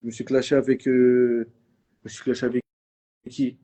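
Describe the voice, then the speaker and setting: A young man telling reality-show stories in quick, slangy casual chat, acting out what others said. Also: mid-range voice. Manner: animated storytelling in slang, acting out others' lines.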